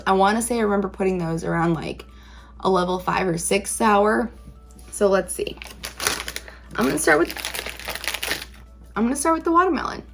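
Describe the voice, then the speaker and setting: A woman hosting a casual taste-test vlog, talking informally and emphatically in a rambling, conversational way. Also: medium pitch. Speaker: candy reviewer, video host.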